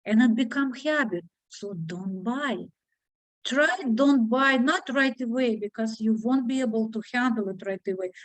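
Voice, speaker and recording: A woman with a foreign accent speaks in a fairly high voice, leading an online group over a video call. She talks haltingly and restarts often. The sound is dry and close. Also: dry recording, poor audio. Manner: halting, many fillers and restarts. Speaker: discussion group leader.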